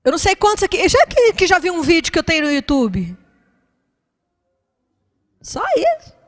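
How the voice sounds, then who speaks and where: A woman's voice: very high voice, wildly swooping pitch, normal speed. A woman pastor, preaching a fervent sermon and calling out to the congregation.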